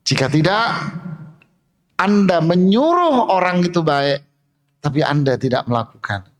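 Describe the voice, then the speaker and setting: A man giving a casual sermon, firing rhetorical questions at the audience and swinging between low asides and sharp exclamations. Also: very animated, measured pace. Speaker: Islamic preacher. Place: mosque.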